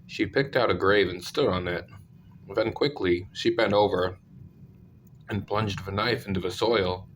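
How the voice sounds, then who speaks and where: A man with a congested, sick-sounding voice narrating scary stories, with deadpan, self-deprecating asides. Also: sits low, slight background noise. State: sick, clearing throat. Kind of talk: scripted story narration with casual asides.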